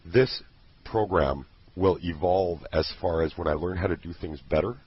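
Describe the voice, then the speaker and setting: Very deep husky man, earnest. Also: moderate pace, no room sound. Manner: earnest, passionate, rambling with restarts. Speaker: product creator promoting his program. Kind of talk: casual promotional chat. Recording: dull lo-fi recording.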